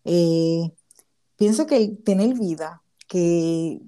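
A woman's voice: on the low side, slow, mellow. A woman hosting a casual talk about gratitude and faith, speaking earnestly with many restarts.

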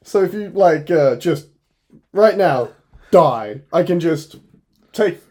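A man's voice: fairly high pitch, expressive, slow, a little mellow. A man voicing an eager, naive young nobleman heir in a comedic history role-play, in a casual, hesitant way.

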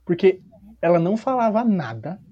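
A man with a São Paulo accent telling a personal story in casual chat, slangy and animated, acting out quoted dialogue. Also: high voice, normal speed. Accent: São Paulo Portuguese. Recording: dull lo-fi recording.

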